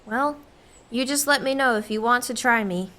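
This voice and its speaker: Actress doing chatty earnest small town lady, high bright voice, family movie. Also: moderate pace. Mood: pleased. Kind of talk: acted family film dialogue.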